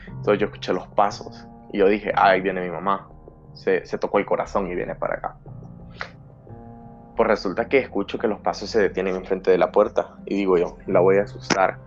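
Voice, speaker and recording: On a lo-fi recording, a man with a low voice hosts a podcast and dramatically recounts a scary story from his own life. He plays the part of his frightened younger self as he tells it.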